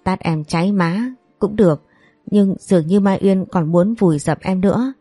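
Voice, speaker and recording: A woman's voice: medium pitch, normal speed, warm tone, breathy edge, dry recording, faint music behind, lightly acted. A woman voicing a spiteful, scheming young woman who sneers and insults her rival. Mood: fake whining.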